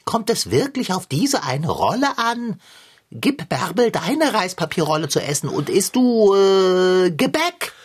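A woman's voice: medium pitch, sing-song, measured pace, breathy edge. Woman voicing a pompous tomcat Long John. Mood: lofty. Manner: theatrical and sarcastic. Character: sly pompous male tomcat, greedy and sarcastic. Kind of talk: radio play acting.

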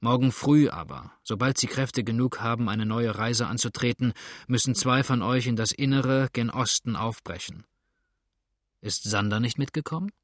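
A man's voice: medium pitch, normal speed, no echo, clean studio sound, close to an everyday voice. A man voicing a stern ship's captain who gives curt, firm orders.

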